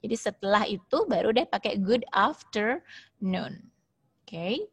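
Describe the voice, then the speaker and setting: A woman English teacher with an Indonesian accent, teaching an online class and modelling phrases slowly. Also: mid-range voice, animated, breathy edge. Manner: explains at length, repeating and modelling phrases slowly. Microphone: video call.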